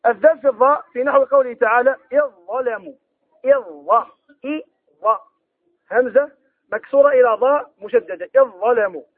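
A man teaching a Quran recitation lesson, explaining rules with questions to his students and reciting the examples slowly. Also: very high-pitched, slightly rough, no room sound, narrow, tinny audio. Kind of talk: tajweed lesson.

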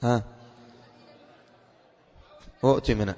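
A man's voice: mid-range voice, extremely slow, dark tone, a faint crowd. A male religious teacher giving a classroom lesson, quizzing his students and repeating their answers back to them. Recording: long reverb, dull lo-fi.

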